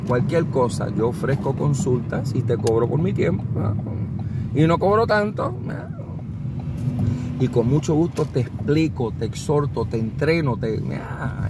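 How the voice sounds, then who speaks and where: A Puerto Rican man with a Puerto Rican Spanish accent gives casual, animated advice while driving, mixing English words into his Spanish. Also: medium pitch. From Puerto Rico. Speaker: vlogger and consultant. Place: inside a car on a city street. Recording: car with road noise. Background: traffic and car noise.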